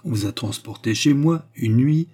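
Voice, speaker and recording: A man reading the lines of a young woman who feigns repentant love, in an earnest, softly dramatic tone. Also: medium pitch, normal speed, close to an everyday voice. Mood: pleading. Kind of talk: audiobook character reading.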